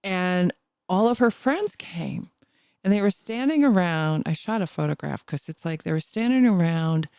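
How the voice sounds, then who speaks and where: A woman's voice: fairly low pitch, expressive, normal speed, darkish tone, clear, resonant tone, dry recording, studio quality. A woman in her sixties co-hosting a podcast, chatting casually and teasing playfully. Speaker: podcast co-host. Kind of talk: casual chat.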